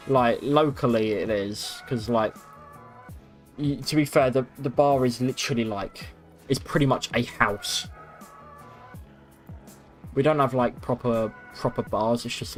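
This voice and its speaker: A young man chatting casually and rambling, with some swearing, as he streams a game on a microphone at his PC. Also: mid-range voice. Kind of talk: casual livestream gaming chat. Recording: music behind the voice. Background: music.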